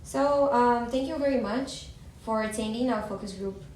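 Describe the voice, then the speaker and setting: A young adult student moderates a focus group, hesitant with frequent ums but reassuring. Her voice is a little high and darkish in tone, at a normal speed. The recording comes from far off in an echoey room with background noise.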